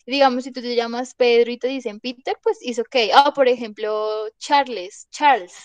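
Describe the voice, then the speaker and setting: A woman's voice: a little high, steady tone, moderate pace, darkish tone, dry recording, lo-fi sound. A woman teaching an English class, explaining with many examples and checking in with her students. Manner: chatty, explains with examples, asks "¿listo?". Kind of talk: classroom lesson.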